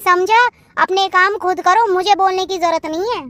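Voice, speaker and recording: A sharp-tongued young daughter-in-law in a cartoon, voiced by a woman, shooting back scolding retorts in a very high, piping voice. The sound is dry and close, with no room around it. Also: normal speed, no echo. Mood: defiant.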